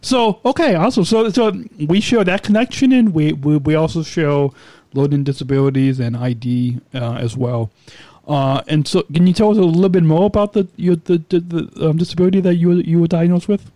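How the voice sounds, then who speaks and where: Male podcast host, thirties, rambling and restarting questions, dark mellow tone. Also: a little high, brisk, no room sound. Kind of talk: casual interview.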